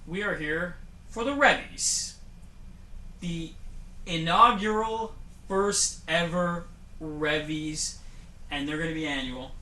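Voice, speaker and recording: A man hosts a homemade awards show with playful, mock-grand banter, speaking slowly, pausing often and sometimes restarting sentences. His voice is bright and forceful, a little above typical male pitch, recorded in an echoey home room with a faint hiss.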